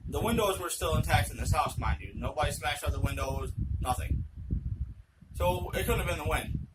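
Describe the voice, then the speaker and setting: A young man, the channel host, telling a true story at home in a rambling, excitable, profane way. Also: on the high side, moderate pace. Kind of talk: casual spoken storytelling. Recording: loud background noise with clicks.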